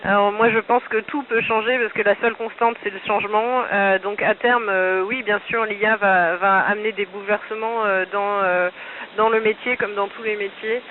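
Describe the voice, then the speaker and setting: A man's voice: sits high, steady tone, normal speed, over a noisy crowd. A man, an astronaut, patiently answering school questions over a noisy, narrow ham radio downlink from space and closing each turn with radio protocol. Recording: hissy phone-thin amateur radio link.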